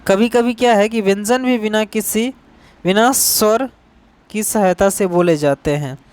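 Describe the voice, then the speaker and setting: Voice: medium pitch, darkish tone, clear, resonant tone, no room sound. A teacher giving an exam-focused grammar lesson, repeating each definition and asking rhetorical questions before answering them. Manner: spells out letters and examples slowly.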